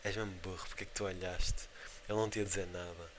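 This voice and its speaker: Podcast host, young man, European Portuguese accent, low voice, loose and profane storytelling with lots of fillers. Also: fairly even intonation, fast talker, background noise. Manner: rambling, slangy and profane, with constant filler words. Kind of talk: casual storytelling monologue.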